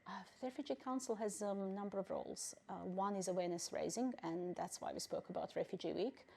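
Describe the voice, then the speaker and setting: Answering an interviewer with many pauses and fillers, this middle-aged Bosnian woman, president of a refugee council, stays measured and thoughtful. Her mid-range voice is creaky and darkish, and a little hiss or hum can be heard.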